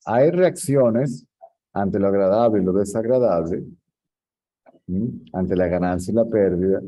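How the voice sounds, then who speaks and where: A man's voice: lowish voice, dark tone. A man giving an informal spiritual teaching talk, telling anecdotes and often checking that his listener follows. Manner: conversational, often checks understanding, laughs at his own stories. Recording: dull lo-fi recording.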